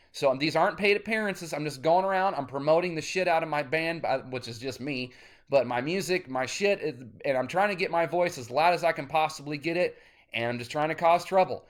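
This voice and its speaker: Speaking directly into the camera, a thirtysomething independent musician launches into a rambling, profane vlog rant that gets loud and insistent. His voice is fairly high-pitched.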